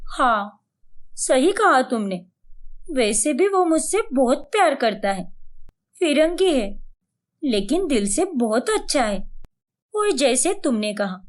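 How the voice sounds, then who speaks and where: A woman's voice: high-pitched, full character voice. A woman voicing a young wife in a cartoon story who answers her husband sharply. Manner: retorting sharply.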